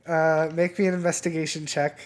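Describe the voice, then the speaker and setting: A game master narrating a tabletop game in a casual, halting way, full of fillers. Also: mid-range voice, little pitch movement.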